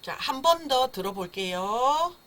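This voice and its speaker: A woman teaches a live online parenting class from an indoor room, friendly and explanatory, sometimes imitating a crying baby. Her high voice is expressive and fairly bright, at a measured pace, with slight background noise.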